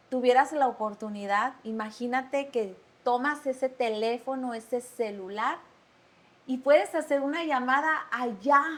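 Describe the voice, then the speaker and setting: Soft-spoken woman podcast host, slightly high. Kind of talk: gentle, empathetic interview.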